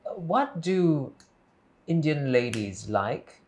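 A man's voice: a little high, very animated, slow, darkish tone. A man playing a polite, hesitant tutor from England in a comedy series, with formal, careful phrasing. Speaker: English tutor. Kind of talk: scripted comedy series dialogue.

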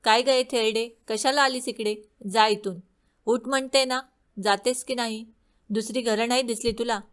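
A woman voicing a proud, harsh queen who shouts contemptuously in a devotional story. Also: a little high, fairly even intonation, normal speed, clean tone, natural voice.

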